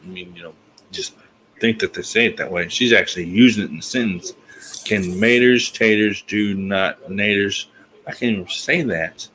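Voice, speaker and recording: A man's voice: low-pitched, brisk, fairly bright tone, slight background noise, low-quality recording. A man hosting a casual online group chat, joking and tripping over tongue twisters.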